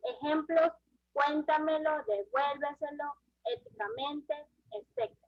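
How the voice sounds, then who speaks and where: A woman's voice: high voice, a little slow, no echo, muffled recording. A woman student reading definitions and examples in short pieces for a class presentation.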